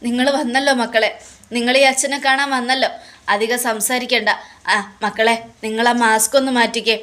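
A woman's voice: a little high, steady tone, fairly bright tone, lightly acted. A woman voicing a remorseful sick old father. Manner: tearful, halting, stammering pleas.

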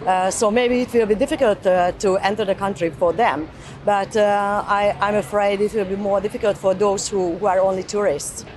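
A woman's voice: medium pitch, steady tone, normal speed, a little mellow, a little hiss or hum. Hesitant woman in a street interview. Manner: hesitant, many fillers. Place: outdoors on a city square.

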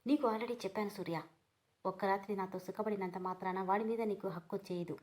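A proud young mother from a read-aloud story who snaps back indignantly, as a woman narrator voices her. Her lines come out sharp and bitter. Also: mid-range voice, fairly even intonation, fairly quick, lightly acted, rough recording.

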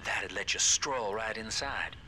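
A man's voice: lowish voice, measured pace, noisy background, natural voice. An actor playing a scheming, folksy male ally in a game who guides the player by radio in a drawling, coaxing way.

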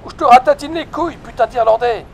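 An angry, bullying police sergeant from a video game, put on by a man. He barks insults and orders like a drill sergeant, in a strikingly high voice. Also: fast talker, gravelly, a little hiss or hum. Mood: angry, threatening. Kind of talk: acted video game dialogue.

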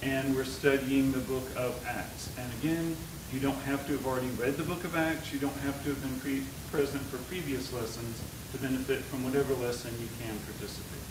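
A man's voice: medium pitch, steady tone, fairly quick, few pauses. A man leading a church service, giving announcements and introducing prayer songs in a plain, explanatory way. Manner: plain, explanatory, leads the congregation. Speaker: worship leader. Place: church sanctuary. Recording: echoey sanctuary, far mic, noisy.

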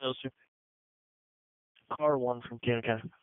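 A male emergency dispatcher gives clipped procedural read-backs over a two-way radio in police radio style. His medium-pitched voice is clear and resonant, with fairly even intonation and a moderate pace, without echo, though the dispatch radio sounds tinny and phone-like.

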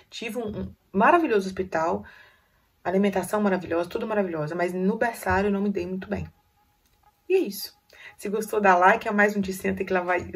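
A woman's voice: mid-range voice, slightly rough, distant mic. A young mother, emotionally retelling her story in a casual vlog and acting out what people said to her. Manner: emotional, lively retelling that acts out quoted dialogue. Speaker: vlogger, first-time mother.

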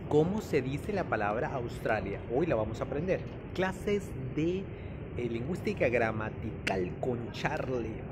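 A man's voice: medium pitch, background noise. A man vlogging while waiting for a flight, teasing his viewers with a mock pronunciation lesson in a playful, repetitive, mock-formal way. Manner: jokey, repetitive, mock-formal addressing "señoras y señores". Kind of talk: playful travel vlog, mock language lesson. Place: waiting area while travelling, ambient noise.

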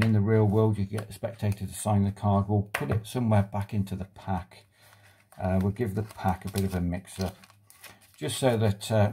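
A man's voice: fairly low pitch, mellow, a little hiss or hum. A middle-aged man giving casual, step-by-step card magician patter to the viewer while demonstrating at a table. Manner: informal, step-by-step patter addressed to the viewer as spectator. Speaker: card magician presenting tricks. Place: indoors at a table, close to the card mat.

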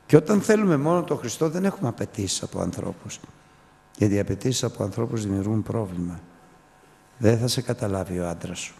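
A man's voice: lowish voice, gravelly, darkish tone, in a large hall. A man preaching a fervent sermon, repeating phrases and calling his listeners brothers.

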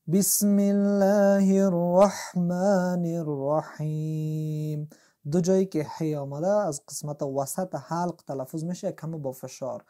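A man's voice: a little high, warm tone. A man, explaining a tajweed lesson as a Quran recitation teacher, patient and step by step.

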